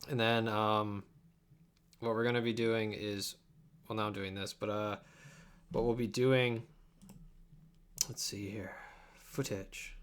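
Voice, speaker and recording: A young man works on an abridged anime dub during a livestream, chatting casually and mumbling his thoughts aloud in a distracted way. His voice is fairly low, flat, slow, a bit bright and smooth, with frequent pauses. Faint keyboard and room noise come from his home computer setup indoors.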